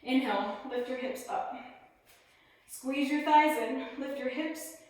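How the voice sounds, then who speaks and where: A woman leading a yoga class, giving calm step-by-step cues and sounding a little out of breath as she moves through the poses. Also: high-pitched, unhurried. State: slightly out of breath. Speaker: yoga instructor. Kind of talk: guided yoga class instruction. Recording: very echoey room.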